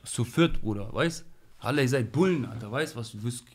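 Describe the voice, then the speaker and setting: Young male interview guest, casual slangy storyteller, medium pitch. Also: moderate pace, a little hiss or hum. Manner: animated, slangy, frequent "Bruder" and "weißt du".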